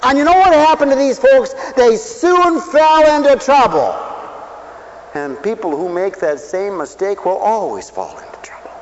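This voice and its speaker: A man preaching a sermon, swinging between loud calls and low asides and asking the crowd questions. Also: animated, normal speed, muffled recording, slight background noise.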